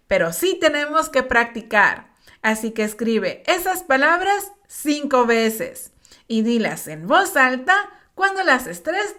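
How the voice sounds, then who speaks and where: Bright high-voiced woman teaching pronunciation. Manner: repeats each word slowly and carefully, encouraging. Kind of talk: slow, clear pronunciation drill for learners.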